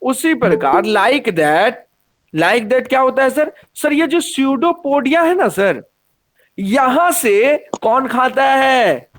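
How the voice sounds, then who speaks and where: A man teaching an online science class, lively and often checking that the students follow. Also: very high voice, takes it slowly.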